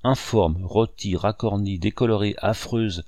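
Man reading an old novel aloud, low steady voice, dry close mic, measured. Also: no room sound. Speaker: audiobook reader. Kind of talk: scripted narration.

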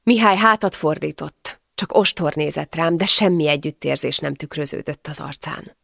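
A woman's voice: low voice, vocal fry, fairly bright tone, no echo, clean studio sound. A woman narrating a first-person novel as an audiobook, with emotional storytelling.

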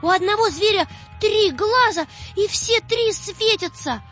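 A woman voicing a frightened little girl who pleads tearfully in a high voice. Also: lively intonation, unhurried, a bit bright, lo-fi sound, soft background music, heavily acted. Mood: frightened pleading.

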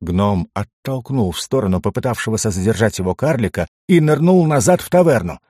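Expressive male audiobook narrator. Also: medium pitch, fast, husky, no echo, clean studio sound. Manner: expressive storytelling, voicing each character. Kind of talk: scripted narration.

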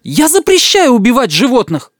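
A man reading an audiobook voices an outraged young boy who shouts in a breaking voice. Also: very high voice, lively intonation, brisk, dry recording, studio quality, voice pushed up. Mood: outraged shouting. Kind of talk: audiobook character voice.

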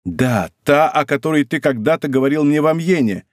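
A man's voice: on the high side, expressive, fairly quick, dry recording, studio quality, natural voice. A man reading an audiobook, voicing a hot-headed young nobleman who speaks urgently and earnestly.

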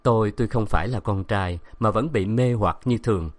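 A man reads a novel aloud in a steady, measured storytelling manner. His voice sits somewhat low. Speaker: audiobook narrator. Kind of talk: scripted novel narration.

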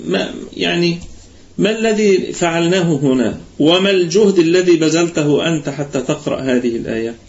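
Egyptian man teaching recitation, muffled line. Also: on the high side. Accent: Egyptian Arabic. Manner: patient explanation, drawing words out slowly to demonstrate. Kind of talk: online tajweed lesson. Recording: muffled online voice-chat audio.

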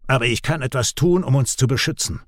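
A man voicing a calm, secretive brother who speaks quietly and low-key. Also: quick pace, no echo, clean studio sound, lightly acted. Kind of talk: audiobook character voice.

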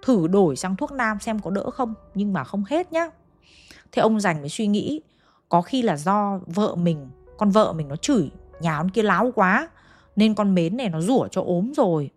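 A woman's voice: mid-range voice, animated, moderate pace, soft background music. A young woman with a Hanoi accent narrating a ghost story in a chatty way, speaking straight to her listeners. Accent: Hanoi Vietnamese. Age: young adult. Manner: chatty, addresses listeners directly.

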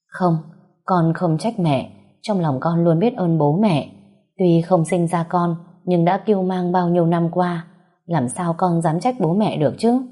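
Lady doing a teary young daughter begging for the truth, low husky voice, storybook. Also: measured pace, mellow. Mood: tearful. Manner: sobbing, pleading. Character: young woman, adopted daughter, tearful and pleading.

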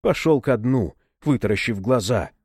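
A male audiobook narrator with a mellow, dark voice and a lively, rising and falling reading. The sound is dry and close to the mic, with no room around it. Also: medium pitch, moderate pace, breathy edge, no echo. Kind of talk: scripted narration.

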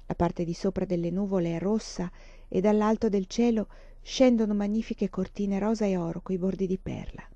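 A woman reading the lines of a thoughtful fifteen-year-old girl describing a sunset to her sister, calmly. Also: medium pitch, moderate pace, dry recording, lightly acted. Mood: tender. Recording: dull lo-fi dry recording.

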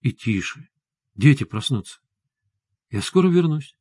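A man reading an audiobook who voices a tired, troubled husband, speaking softly and calmly. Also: unhurried, dry recording, clean studio sound. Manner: soft, calm and low. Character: weary, troubled husband and magic hunter. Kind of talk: audiobook character voice.

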